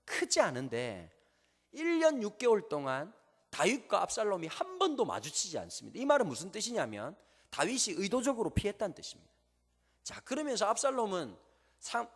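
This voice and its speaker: A man with a Gyeongsang Korean accent delivers a sermon, his voice a touch high and swinging widely in pitch. He tells stories and tosses rhetorical questions to the congregation. His words ring with the long reverb of a church hall. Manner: normally talks very fast, slowing down on purpose. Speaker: pastor. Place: church sanctuary before a congregation.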